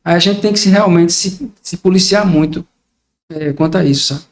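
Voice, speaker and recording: An older man speaking at a high pitch, explaining his points in a reflective way and acting out small everyday exchanges. The room around him is noticeably echoey. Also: moderate pace. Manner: reflective, explains with acted-out examples. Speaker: podcast guest. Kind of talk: casual podcast conversation.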